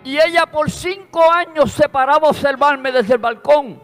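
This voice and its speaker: A man with a Puerto Rican accent preaches with a strikingly high, bright and forceful voice. He is fervent and pushes into shouted praise. The sound is a long church reverb with instrumental music playing behind him. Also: normal speed. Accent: Puerto Rican Spanish. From Puerto Rico. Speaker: pastor. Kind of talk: preaching a sermon. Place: church sanctuary.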